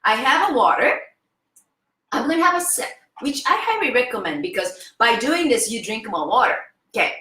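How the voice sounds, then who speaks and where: A lively woman in her fifties leads a face yoga class, her voice sitting a little high. She is eager and chatty, often pausing to ask the viewer "okay?" The room around her has a noticeable echo. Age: 50s. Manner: enthusiastic, keeps checking in with "okay?". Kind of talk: interactive online lesson.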